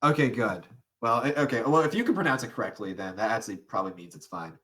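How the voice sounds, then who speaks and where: A man's voice: medium pitch, expressive, fast, a bit bright. A young man co-hosting a casual podcast, rambling with lots of fillers, restarts and frequent laughs. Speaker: podcast co-host. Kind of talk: casual chat.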